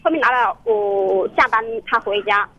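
Over a telephone line, a woman calls in to a radio counseling show and tells her story earnestly, rambling and restarting often. Her voice is on the high side, bright and forceful, animated, at a moderate pace.

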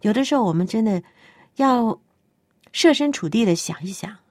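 A middle-aged woman preaching a sermon. She tells stories in a lively way and often asks the listeners questions. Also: fairly high pitch, normal speed, no room sound, clean studio sound. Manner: lively storytelling that acts out dialogue. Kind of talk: sermon on parenting.

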